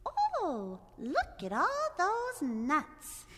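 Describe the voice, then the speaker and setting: A woman's voice: huge pitch swings, drawn-out words, in a large hall, over music, full character voice. A woman doing a tiny, sweet duckling. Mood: polite. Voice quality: small, polite, high. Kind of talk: storybook read-aloud voice.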